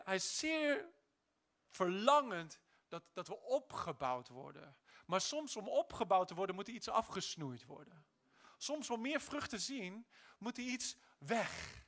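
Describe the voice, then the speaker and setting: A man preaching a sermon, his voice high and bright. He swings between quiet passages and loud, forceful calls to the congregation. At times he drifts off the mic.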